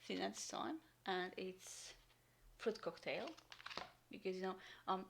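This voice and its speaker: A woman vlogger unboxing and reviewing a military ration in casual talk, full of ums and sometimes dropping into a soft whisper. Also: medium pitch, fairly even intonation, a little slow, vocal fry, background noise. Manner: chatty, frequent ums, drops into soft whispers. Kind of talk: casual unboxing and taste test.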